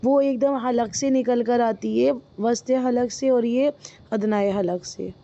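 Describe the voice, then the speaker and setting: A woman's voice: on the high side, fairly even intonation, mellow, dull audio. A woman teaching Quran recitation. She is patient and encouraging, and drops English words into her talk. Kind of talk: online tajweed lesson.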